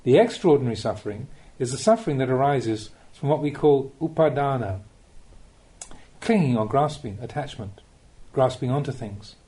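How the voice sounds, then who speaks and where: A Buddhist monk narrates a scripted spiritual teaching in audiobook form, choosing his words slowly and deliberately and asking rhetorical questions. He speaks in a mid-range, expressive, mellow voice.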